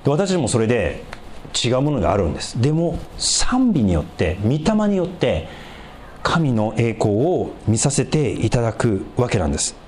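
A man preaching a sermon as a pastor, animated, repeating words for emphasis and swinging from low asides to high, exclaimed scripture. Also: normal speed, slight background noise.

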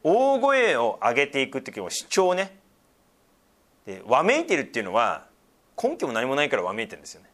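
A man's voice: medium pitch, wildly swooping pitch, a little fast, a bit bright. A middle-aged male pastor giving a sermon, explaining scripture with frequent asides and a conversational, teaching tone.

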